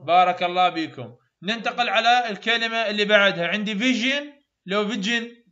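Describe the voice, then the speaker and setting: This is a male phonetics teacher with an Iraqi Arabic accent and a high, bright voice. He drills sounds slowly, repeating them, and praises his students often, captured in a muffled classroom recording.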